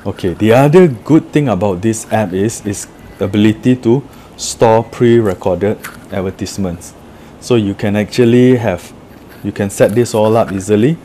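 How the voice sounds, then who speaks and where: A product demonstrator talks through each step in plain terms at a moderate pace, his voice dark and fairly low. He's in an office room with a table, speaking casually, and there's slight background noise.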